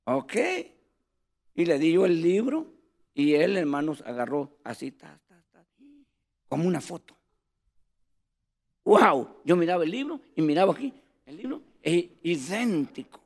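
A man preaches a sermon in a high, gravelly voice. He tells his stories with animation and keeps calling his listeners brothers. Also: animated, measured pace, pauses often.

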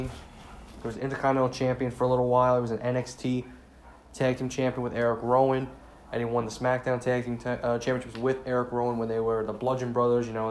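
A man's voice: mid-range voice, darkish tone, a little hiss or hum. A man hosting a solo podcast, talking casually and sincerely, sounding saddened, with lots of fillers and restarts. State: saddened, subdued. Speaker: podcast host. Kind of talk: casual solo tribute talk.

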